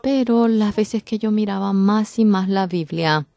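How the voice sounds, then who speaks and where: A woman interpreting a church sermon, speaking fervently with sudden loud, emphatic bursts. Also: medium pitch, a little slow, gravelly.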